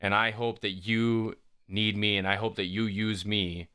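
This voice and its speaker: A man talking through a reaction video in a relaxed, rambling way, leaning on "like" and "man". His voice sits a little low, yet it rings bright and comes through smooth and clean. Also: measured pace. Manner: laid-back, musing, says "like" and "man" a lot. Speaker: YouTube reaction host. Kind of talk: casual reaction commentary.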